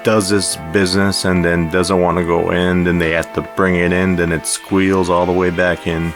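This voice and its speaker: A man's voice: low voice, flat delivery, moderate pace. A young man co-hosting a casual podcast, rambling in a folksy, self-deprecating way. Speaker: co-host. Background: music.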